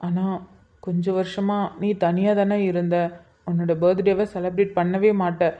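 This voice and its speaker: A woman's voice: lowish voice, flat delivery, moderate pace, warm tone, lo-fi sound, natural voice. A woman voicing a caring, earnest younger brother in a cartoon drama.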